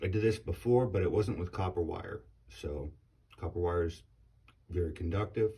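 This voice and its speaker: A man in his forties casually narrating a hands-on demonstration in a hesitant, halting way. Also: low voice, mellow, slightly rough. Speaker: vlogger.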